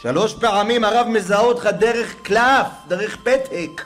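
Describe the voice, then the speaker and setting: A male preacher tells a religious story, swinging dramatically between hushed murmurs and raised, emotional exclamations. His voice sits high, and faint music plays behind him.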